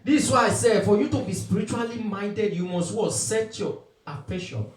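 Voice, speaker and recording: A man's voice: high voice, normal speed. A man preaching a sermon with emphatic call-and-response, quoting scripture. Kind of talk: street sermon. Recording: echoey, from far off the mic.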